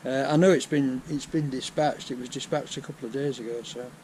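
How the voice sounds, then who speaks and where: A man's voice: mid-range voice, steady tone, a little fast, a little mellow, low-quality recording. An older man with a Yorkshire accent, chatting casually as he explains each step of a restoration job in his workshop. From England. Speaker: vlogger restoring a tractor. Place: home workshop. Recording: faint background noise.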